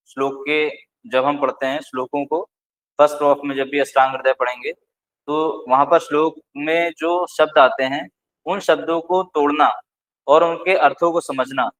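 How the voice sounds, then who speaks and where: Slow, deliberate male Sanskrit teacher. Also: on the high side, a bit bright, poor audio. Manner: slow, deliberate, recites syllables one by one. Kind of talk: recorded lecture.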